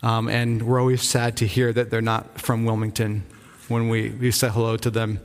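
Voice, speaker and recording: The voice here belongs to a man from Rhode Island, a visiting church-planting pastor, updating the congregation informally from the pulpit; he is earnest and enthusiastic yet halting, restarting sentences often. Pitch is medium and the delivery completely flat. A long church-hall reverb fills the sanctuary.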